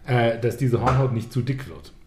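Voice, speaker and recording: A man's voice: medium pitch, lively intonation, moderate pace. A man in his forties in casual chat, telling stories with ironic exaggeration. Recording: roomy echo.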